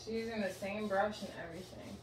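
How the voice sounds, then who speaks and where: Talking quickly in a mid-range, fairly even voice, a woman in her thirties narrates her furniture painting as a casual how-to. She gushes and fills her speech with fillers. The tiled room in her home makes the noisy, distant-mic recording echo.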